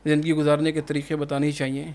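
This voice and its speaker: A man's voice: on the high side, completely flat delivery, a little mellow. Male scholar reciting Arabic quotations. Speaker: religious scholar on a panel. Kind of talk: explaining religious teachings.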